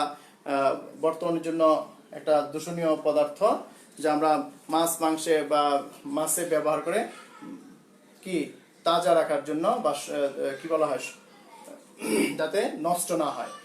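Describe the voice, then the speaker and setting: A male school teacher with a Bangladeshi Bengali accent giving a science lesson, slowly repeating key terms for students and often pausing with fillers and self-corrections. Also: fairly high pitch, fairly even intonation, echoey room, low-quality recording.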